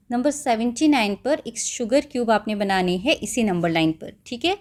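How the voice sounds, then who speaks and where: Slow, patient Indian woman teacher. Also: a little high. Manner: asks the children questions and answers them herself; switches between Hindi and English, reading each line then explaining it. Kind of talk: explaining a school maths lesson.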